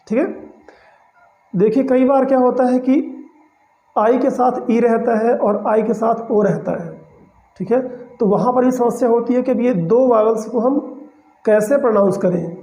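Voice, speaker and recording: A teacher with a warm, medium-pitched voice gives a spoken pronunciation lesson in Hindi, splitting words into single sounds, repeating them and checking in with the class often. The lo-fi recording sounds roomy and slightly dull.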